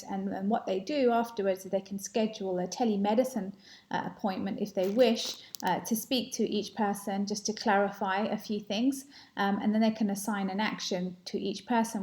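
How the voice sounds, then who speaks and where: A woman in her thirties presents a software product, walking through a demo with frequent ums and uhs. Her voice is mid-range, and she's recorded on a laptop webcam at home.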